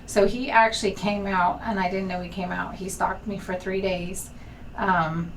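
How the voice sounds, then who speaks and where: A woman in her forties speaks candidly and steadily, pausing on ums. She is a bit far from the mic in a studio set, with a faint hiss behind her. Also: mid-range voice, flat delivery. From Texas. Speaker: senior enlisted leader. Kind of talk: personal story in a sit-down conversation. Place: bright indoor studio set.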